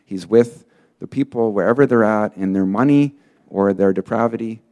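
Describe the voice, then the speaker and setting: Low-voiced man telling church testimony. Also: moderate pace. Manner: casual storytelling, many fillers; acts out quoted people in lively bursts. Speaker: preacher. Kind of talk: sermon testimony.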